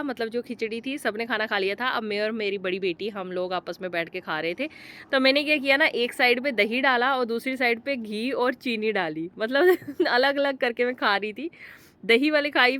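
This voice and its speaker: A woman vlogger in her thirties talks through her day in a relaxed, chatty way, full of little fillers. Her voice sits a touch high, and she sounds homely and easygoing. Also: moderate pace. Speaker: vlogger, homemaker and mother. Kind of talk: casual vlog voice-over.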